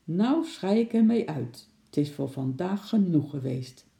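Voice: medium pitch, animated, unhurried, vocal fry, dark tone. A reader voicing a kindly, weary zookeeper uncle in a children's storybook, talking tiredly with sighs, with a roomy echo. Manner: tired, sighing.

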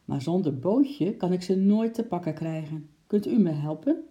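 Man as calm kindly zookeeper uncle, polite, dark mellow voice, storybook. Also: high-pitched, moderate pace, pitched above the performer's own voice.

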